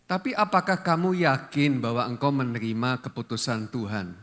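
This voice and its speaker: A man's voice: mid-range voice, normal speed, a bit bright. A male pastor preaching a conversational sermon to a church congregation, often putting questions to the listeners.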